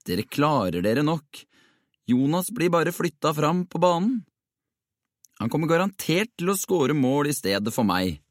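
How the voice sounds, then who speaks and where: A man's voice: fairly high pitch, big pitch swings, dry recording, studio quality, pitched above the performer's own voice. A man voicing an upset boy footballer who is about to move abroad, in a storybook reading.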